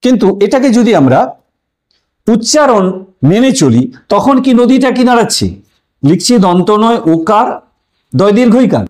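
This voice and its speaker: A man teaching a language lesson in a high voice that keeps rising and falling with emphasis. He puts questions to his viewers, answers them himself and leans on the key terms. His tone stays explanatory and friendly throughout. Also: big pitch swings, normal speed, pauses often, darkish tone. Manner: asks questions then answers them, stressing key words.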